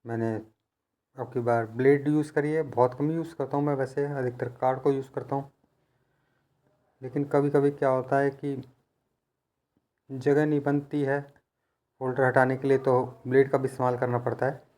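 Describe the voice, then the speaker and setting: A man walks through practical repair work as a conversational, hands-on tutorial, patiently explaining each step like a working technician teaching his trade. His medium-pitched voice stays level and a little mellow, at normal speed with frequent pauses.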